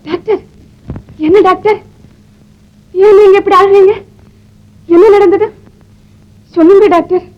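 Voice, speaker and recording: A gentle young woman coaxes and soothes in a very high, bright voice. The sound is dull and muffled, like an old 1950s film soundtrack. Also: steady tone, measured pace, long pauses. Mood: soothing. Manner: soothing, coaxing. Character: gentle young woman comforting a grieving man. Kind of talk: 1950s film melodrama acting.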